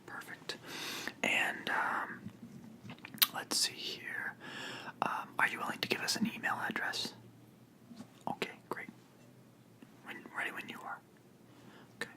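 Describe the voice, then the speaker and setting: A person in a whispered role-play as a librarian, speaking in a soft, breathy library whisper with polite, reassuring customer-service phrasing. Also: unhurried, pauses often. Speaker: book club librarian helping a customer, role-played.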